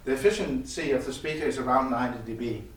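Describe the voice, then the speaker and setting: A male loudspeaker designer presents his gear at an audio show, explaining the product technically in conversation with a halting delivery and medium pitch. It was recorded in an indoor demo room with a distant mic, so the sound is echoey with faint noise.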